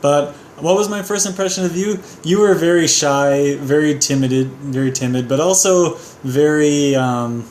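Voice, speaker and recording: A man's voice: fairly high pitch, moderate pace, hardly any pauses, darkish tone, echoey room, slight background noise. A young Canadian man talking casually with his wife, explaining things in an earnest, careful way. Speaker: co-host of a couple's livestream. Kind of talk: casual chat.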